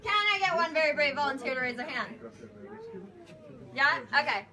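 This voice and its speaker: A woman's voice: high-pitched, animated, normal speed, distant mic. A woman guiding a tour group, playful and peppy like an orientation leader, prompting people to join in. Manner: playful, joking. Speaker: tour guide. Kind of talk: guided tour patter to a group. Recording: live group tour with crowd noise. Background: tour group reacting.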